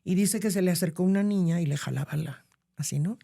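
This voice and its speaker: A woman's voice: lowish voice, quick pace, vocal fry. A middle-aged woman, a podcast guest telling a story in casual conversation and acting out the voices of the people in it. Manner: animated, acts out quoted voices.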